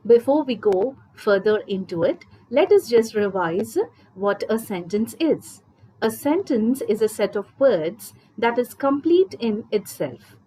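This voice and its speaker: A woman's voice: medium pitch, a little mellow, slight background noise, low-quality recording. A woman teacher, explaining a grammar lesson to her students patiently and step by step. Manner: slow, patient explaining, addresses students directly. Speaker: English teacher. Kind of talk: recorded school lesson.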